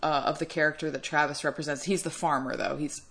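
A woman's voice: deep voice, fairly even intonation, fast, a bit bright. A woman co-hosting a casual podcast chat, working through her points in a thoughtful, analytical way. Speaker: podcast co-host.

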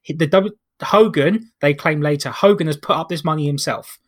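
A man's voice: fairly high pitch, moderate pace. A British man hosting a casual podcast chat with a jokey, sarcastic manner. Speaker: podcast host. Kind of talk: casual comedic wrestling review chat.

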